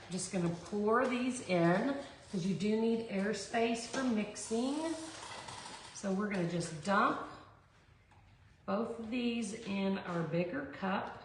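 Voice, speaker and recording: A woman's voice: medium pitch, slow pace. A woman hosting a casual live craft tutorial, rambling and thinking aloud as she chats with viewers in an echoey room. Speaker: host of a live art tutorial. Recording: echoey room with background noise.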